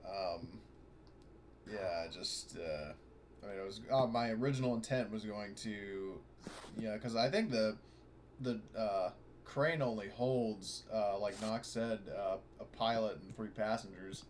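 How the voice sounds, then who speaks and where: Over a clearly noisy online voice chat, a man with a fairly low, unhurried voice plays a tabletop role-playing game. He chats casually and hesitantly, both in and out of character, often rambling and correcting himself.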